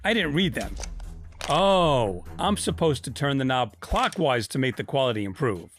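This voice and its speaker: An actor voicing a careless, self-assured cartoon phone with a flippant, nonchalant manner. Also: male voice, medium pitch, very animated, moderate pace, a bit bright. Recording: music behind.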